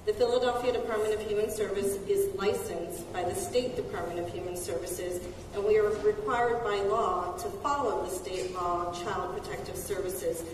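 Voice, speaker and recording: A woman giving formal, measured testimony as a city official, recorded in a council hearing chamber. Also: mid-range voice, a little mellow, a little hiss or hum. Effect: council hearing-room recording. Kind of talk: reading a prepared statement at a hearing. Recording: echoey hall from far off.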